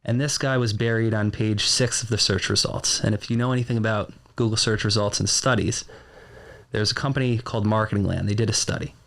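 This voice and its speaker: A man's voice: on the low side, fairly even intonation, a little fast, a bit bright. A man telling stories as a guest in a studio podcast interview, in a matter-of-fact way. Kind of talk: casual interview.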